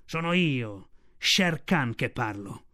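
A man's voice: mid-range voice, lively intonation, slow, sharp tone, pitched below the performer's own voice. A man voicing a menacing, arrogant male tiger in an audiobook, boastful and snarling. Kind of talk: audiobook reading.

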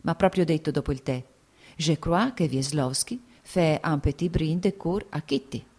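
A woman voicing Dolly, an agitated aristocratic mother in a read-aloud novel, scolding and quick to emotion. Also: deep voice, darkish tone, breathy edge. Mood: confiding.

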